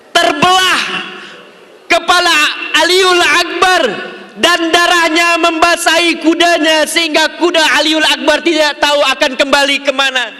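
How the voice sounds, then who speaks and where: High bright-voiced male preacher, echoey hall. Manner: fervent storytelling, emotional swells. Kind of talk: mourning sermon narration.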